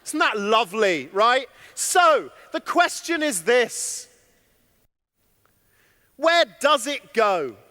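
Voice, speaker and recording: High, lively man on a hall stage. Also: takes it slowly, pauses often. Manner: animated, chatty, asks the audience questions. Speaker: keynote speaker. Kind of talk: energetic conference keynote. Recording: long hall reverb.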